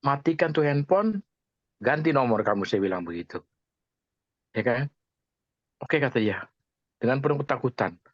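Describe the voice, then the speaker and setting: A man's voice: medium pitch, animated, normal speed, pauses often, no room sound. Man telling his story on a video call. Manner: retells the story with quoted dialogue, repeating "saya bilang". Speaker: church small-group member giving a testimony. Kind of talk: casual storytelling testimony. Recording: dull, dry, lo-fi video call.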